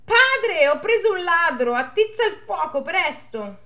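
A sly young farmhand from a folktale bellows his excuses in a high, strained voice, as a woman reads him aloud. He sounds loud and cunning. The swings in pitch are wide. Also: big pitch swings, moderate pace, reverberant, full character voice. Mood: shouting. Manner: shouting in alarm.

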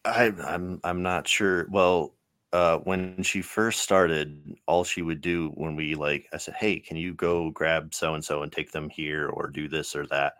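Very deep-voiced man telling stories. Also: fairly even intonation, a little slow, fairly bright tone, clean tone, no room sound. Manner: candid storyteller, swears freely. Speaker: correctional officer, sergeant. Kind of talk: casual podcast chat.

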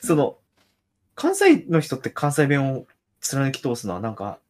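A man's voice: mid-range voice, wildly swooping pitch, a little slow. A man from Nagoya, a guest on a casual podcast, thinking aloud in a musing way with hesitant restarts. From Nagoya, Japan. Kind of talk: casual chat.

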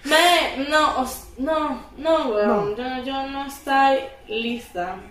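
Young costa rican girl chatting, high voice, kinda far from the mic, roomy echo. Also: very slow. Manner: slangy, excitable, laughs often. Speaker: podcast co-host. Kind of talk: casual chat. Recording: echoey room, mic at a distance.

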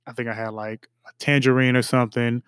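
Smooth-voiced young man, relaxed chat. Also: mid-range voice, fast talker, no echo. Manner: relaxed, reflective, with many fillers and restarts. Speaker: podcast co-host. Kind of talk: casual chat.

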